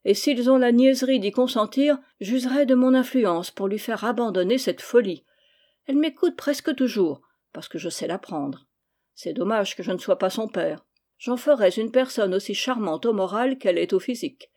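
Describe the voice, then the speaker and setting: A woman's voice: fairly high pitch, expressive, moderate pace, a little mellow. A woman voicing an exasperated young male tutor. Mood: grumbling. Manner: grumbling, reasoned, lecturing.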